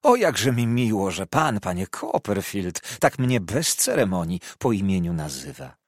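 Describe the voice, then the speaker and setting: A man's voice: medium pitch, big pitch swings, measured pace, no room sound, clean studio sound, pitched above the performer's own voice. A man voicing a sly, falsely humble young male clerk who talks in a sugary, wheedling, obsequious way. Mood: fawning.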